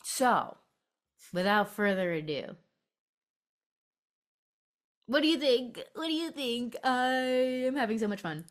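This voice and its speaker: A woman's voice: on the high side, sing-song, normal speed. A woman hosting a podcast in casual, informal chat. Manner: informal, swearing freely. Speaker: podcast host.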